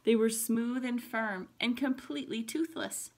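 A woman, a pre-K teacher, reading a picture book aloud to children, explaining the pictures gently. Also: on the high side, a little slow.

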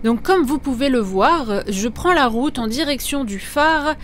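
High-voiced woman narrating a vlog. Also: expressive, measured pace, heavy background noise. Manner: clear, storytelling recap. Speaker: motorcycle vlogger.

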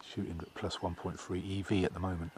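A man's voice: low voice, flat delivery, brisk, a little mellow, a little hiss or hum. A middle-aged man with an English accent, chatting plainly as he vlogs his wildlife photography outdoors in a field, camera held at arm's length. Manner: plain, chatty, matter-of-fact. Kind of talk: casual outdoor vlog narration.

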